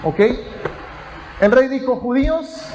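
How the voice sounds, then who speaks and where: In a slow, high-pitched voice with lively intonation, a pastor teaches a sermon, explaining each step and checking that his listeners, whom he calls brothers, follow along with "ok?". The background is noisy.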